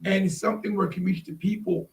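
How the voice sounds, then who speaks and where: Talking quickly in a high, steady voice, a man hosting a podcast panel keeps the discussion casual and drives his points home by repeating phrases. He's picked up from a distance, giving a roomy sound.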